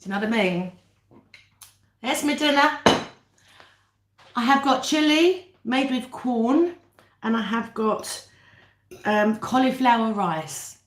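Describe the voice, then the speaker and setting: Woman, British accent, fairly high voice, casual livestream chat, mukbang eating, roomy echo. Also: takes it slowly, pauses often, slight background noise. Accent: British English. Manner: chatty mukbang-style talk while eating dinner. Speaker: livestream host. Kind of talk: casual live chat over a meal. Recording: echoey room.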